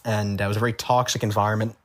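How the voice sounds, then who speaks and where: Man, from the Boston area, interview guest, low voice, casual storytelling, many fillers. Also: rapid-fire. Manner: relaxed, rambling, many uh fillers and restarts.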